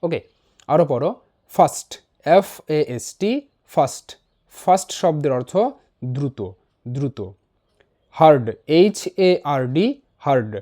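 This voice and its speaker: A man teaching an English pronunciation lesson in a voice-over, spelling each word letter by letter and repeating it slowly. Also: a little high, expressive, dark tone.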